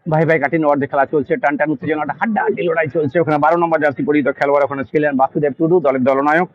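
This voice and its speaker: A man with a Bengali accent giving live football commentary in an excitable, frantic way as play builds. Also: fairly high pitch, rapid-fire, dry recording, dull audio.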